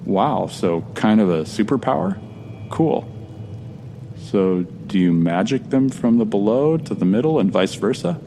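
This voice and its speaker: Man playing Jake, low-voiced American time traveler. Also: lively intonation, a little slow, vocal fry, warm tone, slight background noise. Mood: friendly, curious. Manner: conversational, earnest. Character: stranded American male time traveler, friendly and uneasy. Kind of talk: first-person audio drama acting.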